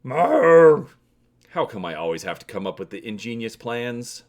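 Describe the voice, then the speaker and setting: A man's voice: mid-range voice, sing-song, a little slow. A man plays a cocky starship smuggler in a storybook adventure. He is brash and exasperated, delivering every line with hammy stage theatrics. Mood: yelling, exasperated. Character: brash, exasperated male space smuggler pilot. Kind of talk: dramatic storybook reading.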